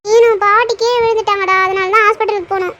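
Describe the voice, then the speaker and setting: A woman voicing a cartoon mother who reassures her children quickly. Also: very high-pitched, steady tone, noisy background. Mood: reassuring. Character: busy mother on the phone, reassuring.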